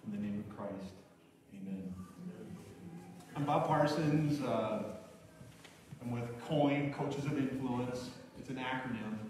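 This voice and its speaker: A middle-aged man giving a sermon with an opening prayer in a small church, talking in a relaxed, halting way with many fillers. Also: medium pitch, a little hiss or hum. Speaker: guest speaker. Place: small church hall with congregation. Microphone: far camera at back of room. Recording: echoey room from far off.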